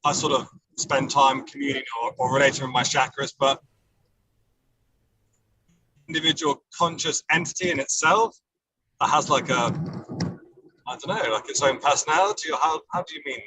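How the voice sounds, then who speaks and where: A man's voice: mid-range voice, normal speed, long pauses. A man asking a workshop teacher hesitant questions over a hands-free car speakerphone while driving. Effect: hands-free car speakerphone call. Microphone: hands-free car phone. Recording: distant car speakerphone with road noise.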